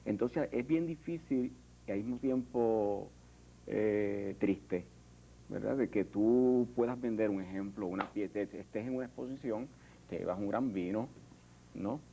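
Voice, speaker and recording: A Puerto Rican sculptor in an interview, speaking in a reflective, hesitant way with many fillers and restarts. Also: male voice, fairly low pitch, a little slow, vocal fry, mellow, a little hiss or hum, poor audio. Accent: Puerto Rican Spanish. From Puerto Rico. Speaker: artist, sculptor. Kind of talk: interview conversation.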